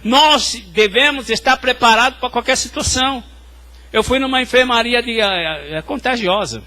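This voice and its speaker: A man's voice: very high-pitched, moderate pace, sharp tone. A male pastor preaching a sermon, telling stories and speaking directly to the congregation. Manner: tells hospital stories, addressing the congregation directly.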